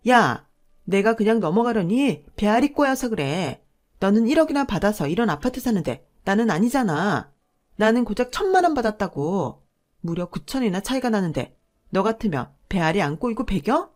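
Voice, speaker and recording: A woman voicing a pushy, greedy middle-aged sister-in-law who scolds and demands in a loud voice. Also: medium pitch, big pitch swings, moderate pace. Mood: angry.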